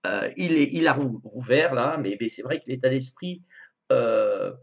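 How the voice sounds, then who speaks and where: A man's voice: mid-range voice, unhurried. Hesitant man commenting, full of fillers. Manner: hesitant, many filler sounds and restarts; animated, indignant asides. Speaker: video host commenting on song lyrics. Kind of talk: casual spoken commentary.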